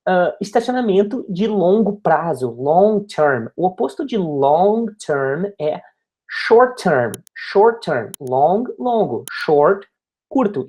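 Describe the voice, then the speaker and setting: A Brazilian man teaching a recorded lesson. He reads each phrase slowly, then explains it quickly, repeating words to drill pronunciation. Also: sits high, a little mellow.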